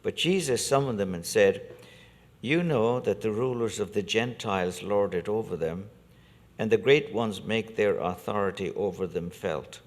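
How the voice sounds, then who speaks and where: A priest reading the gospel and preaching a homily in a measured, deliberate liturgical manner, his voice carried by a cathedral-like church echo. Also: fairly low pitch. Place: large church. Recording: long church reverb.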